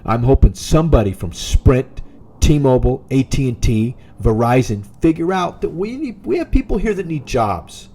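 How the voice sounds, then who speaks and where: A man's voice: medium pitch, very animated, normal speed, warm tone, breathy edge. A man from the United States telling a long, exasperated story in a casual vlog, acting out the people he talked to. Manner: exasperated storytelling, quoting others in dialogue. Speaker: vlogger. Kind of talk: casual monologue.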